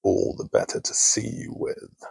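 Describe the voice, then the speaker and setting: A man voicing a sly, hungry male wolf in a bedtime storybook reading, coaxing and then low and menacing. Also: measured pace, a little mellow, no room sound, close to an everyday voice.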